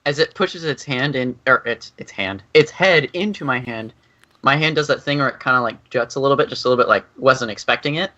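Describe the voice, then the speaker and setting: A man playing a tabletop game, speaking in a gentle, tentative way. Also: medium pitch, brisk, muffled recording. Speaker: player. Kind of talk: casual tabletop game chat.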